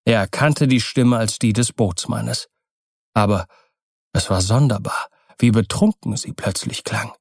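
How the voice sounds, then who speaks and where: Man, audiobook narration, slow, measured, dry close mic. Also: lowish voice, creaky, husky, no room sound. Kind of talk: scripted narration.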